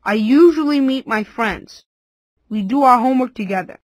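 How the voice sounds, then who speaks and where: A woman voicing a friendly schoolgirl in a scripted textbook listening dialogue, reading clearly and carefully. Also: fairly high pitch, a little slow, a little mellow, dry recording.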